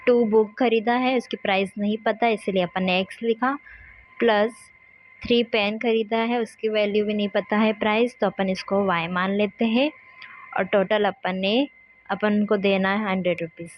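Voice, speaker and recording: A woman teaching a maths lesson, explaining step by step and often pausing to check that the class is following. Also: mid-range voice, fairly even intonation, a little hiss or hum. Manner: patient, repeats "ठीक है" to check along. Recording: dull lo-fi sound.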